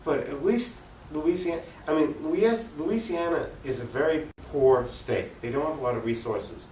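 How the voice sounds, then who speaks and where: On a cable access show, a man with a slightly high, darkish voice speaks at a moderate pace as an interview guest, making an emphatic, unscripted political argument full of rhetorical questions. The sound is roomy and echoey, captured far from the mic with faint noise.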